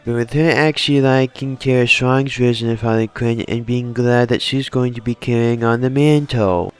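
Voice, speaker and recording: A man's voice: mid-range voice, fairly even intonation, normal speed, clean tone, soft background music. Man rambling through fan story ideas. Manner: rambling run-on sentences, hypothetical "would".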